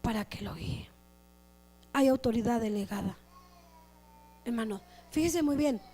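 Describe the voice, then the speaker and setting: Woman pastor, high voice, lively preacher who slips into quick character asides. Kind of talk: sermon.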